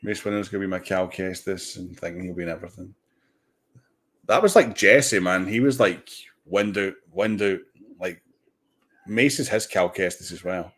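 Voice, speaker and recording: A man hosting a casual livestream watch party, excitable, swearing casually and restarting his sentences. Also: sits low, moderate pace, husky. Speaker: livestream host.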